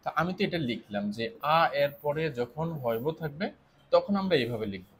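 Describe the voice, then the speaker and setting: A man's voice: on the high side, animated, fairly quick, slight background noise. A man teaching an exam-prep lesson, explaining step by step, repeating key points and answering his own questions.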